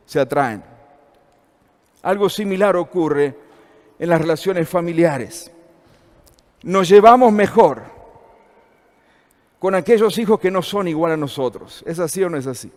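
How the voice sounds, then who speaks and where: A man's voice: high-pitched, a little mellow, long reverb tail. A man in his fifties with an Argentine accent, teaching a church seminar in a conversational way and asking the audience questions. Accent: Argentine Spanish.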